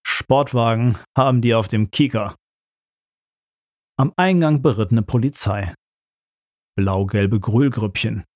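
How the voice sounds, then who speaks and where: A man's voice: medium pitch, slow, long pauses, no room sound. A man narrating an audiobook with dry, ironic storytelling.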